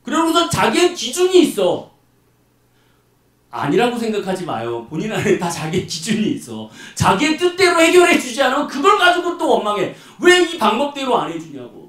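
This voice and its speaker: A man preaching a sermon as pastor, in a lively, chatty way that acts out little scenes. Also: extremely high pitch, normal speed. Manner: animated, colloquial preaching with acted-out voices. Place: church hall. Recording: echoey hall, mic from far off.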